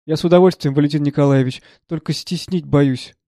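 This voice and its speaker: A man's voice: on the high side, fairly even intonation, brisk, warm tone, no room sound, clean studio sound, close to an everyday voice. A man reading the part of a timid, humble elderly secretary who speaks meekly and hesitantly. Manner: meek, hesitant.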